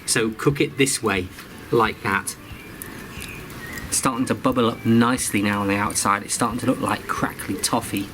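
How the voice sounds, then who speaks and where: A man's voice: fairly low pitch, steady tone, moderate pace, background noise. A British man giving a live outdoor cooking demonstration by a campfire, instructive and friendly, speaking to children watching. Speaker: forest school instructor.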